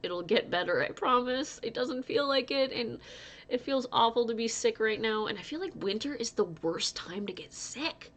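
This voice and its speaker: A married adult woman from North Dakota, still stuffy and sniffly as she recovers from being sick, chats to viewers in a casual crochet vlog. Her fairly high, expressive voice is a bit bright and moves at a moderate pace. She rambles, restarting often and laughing along the way.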